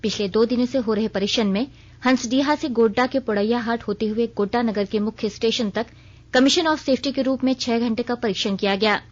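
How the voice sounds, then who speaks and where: This is a brisk, scripted radio news bulletin read formally by a woman whose voice sits fairly high. Her sound comes across a little dull, with a limited frequency band.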